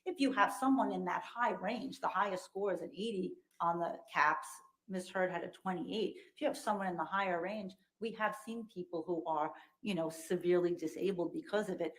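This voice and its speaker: A woman giving expert testimony as a psychologist, explaining in measured, clinical terms, heard through a courtroom recording. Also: fairly low pitch, low-quality recording. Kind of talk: courtroom testimony under questioning.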